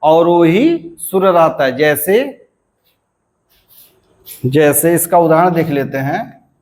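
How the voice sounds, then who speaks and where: Slow, high-voiced male teacher. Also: expressive, darkish tone. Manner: slow and repetitive, asking and answering his own questions; clears his throat now and then. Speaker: Hindi grammar teacher. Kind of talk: classroom-style lesson explanation.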